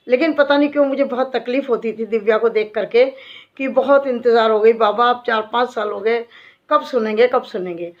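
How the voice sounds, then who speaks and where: A woman's voice: on the high side, steady tone, fairly quick. A middle-aged woman, a devotee and bhajan singer, telling an emotional faith story to fellow devotees in a heartfelt, earnest way. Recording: dull lo-fi recording.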